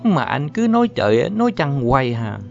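A man doing a young woman with a raised, lively voice, coaxing and scolding a man she is fond of. She sounds like a storybook figure. The recording is slightly muffled, with faint music underneath. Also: mid-range voice, normal speed, gravelly, voice pushed up. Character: young woman, teasing and affectionate.

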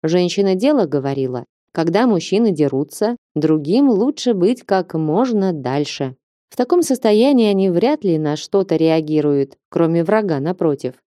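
A woman reading an audiobook with even, measured narration. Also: lowish voice, dry recording, studio quality. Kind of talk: scripted narration.

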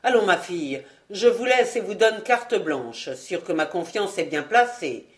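A woman voicing a scheming nobleman father, with gruff, sarcastic speech and booming outbursts. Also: expressive, measured pace, lightly acted. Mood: jovial. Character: scheming middle-aged nobleman father, blustering.

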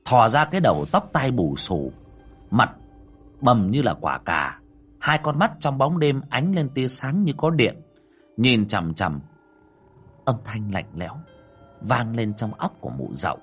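Husky male storyteller. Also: medium pitch, measured pace, pauses often, faint music behind. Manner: expressive storytelling. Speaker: narrator. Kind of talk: dramatic ghost story narration.

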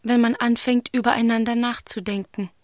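A slightly high female voice with music clearly underneath. An actress plays an observant chorus narrator in a radio drama, commenting in short, measured, stylised phrases. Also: little pitch movement, natural voice. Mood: intimate.

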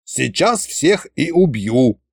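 A man puts on a creaky, gloating storybook ghost, a furry ball of a creature full of boastful menace. He drags out his threats slowly, with a lively, swooping pitch, recorded close and dry. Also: no room sound, full character voice.

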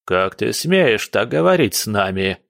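A man's voice: on the low side, big pitch swings, a little slow, vocal fry, fairly bright tone, no echo, clean studio sound, full character voice. A man voicing a stern, commanding aristocratic father at the head of his family.

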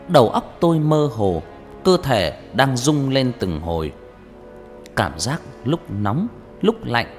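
A man narrating a horror story in an expressive, dramatic audiobook style, with reverb and background music. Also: mid-range voice.

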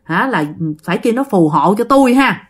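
A woman's voice: a little high, animated, moderate pace, slightly rough. A woman with a Southern Vietnamese accent voicing a male rice farmer who boasts in an offhand way. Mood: boastful.

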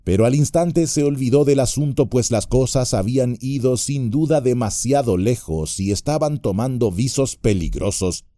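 A man narrating an epic fantasy audiobook in a measured, expressive storytelling manner. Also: medium pitch, dry recording, studio quality.

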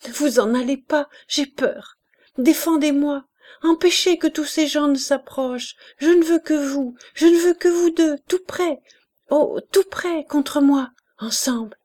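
A woman reading an audiobook voices a feverish, frightened little girl who pleads breathlessly and sometimes cries, in a high, strained voice. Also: slow, vocal fry, hardly any pauses, darkish tone. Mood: terrified pleading.

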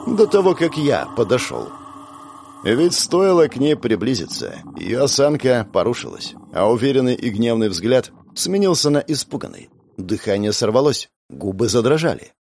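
A man's voice: medium pitch, big pitch swings, normal speed, vocal fry, darkish tone, slight background noise. A man narrating a first-person story with wry, crude asides. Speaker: audiobook reader.

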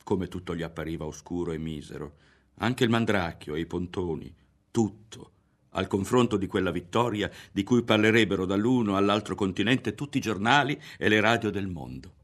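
A man narrating a literary audiobook in a measured, expressive way. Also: low-pitched. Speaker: audiobook reader.

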